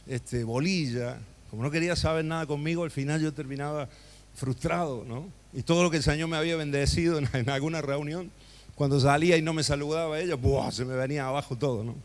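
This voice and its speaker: A man's voice: mid-range voice, darkish tone. Argentine pastor telling his testimony. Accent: Argentine Spanish. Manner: conversational, tells a story with many asides to the congregation. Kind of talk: sermon with personal testimony. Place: church hall.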